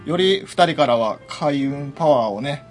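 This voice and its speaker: A man's voice: on the high side, lively intonation, moderate pace. A man hosting a radio show, chatty and full of 'ne' fillers. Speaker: radio host. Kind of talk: casual radio talk. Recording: music playing behind.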